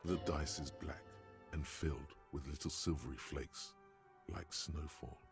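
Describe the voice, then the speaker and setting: A game's inner voice an extremely low, rumbling tone and a deadpan, measured delivery. Faint music sits behind him. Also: male voice, vocal fry, exaggerated voice. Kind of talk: voiced game narration.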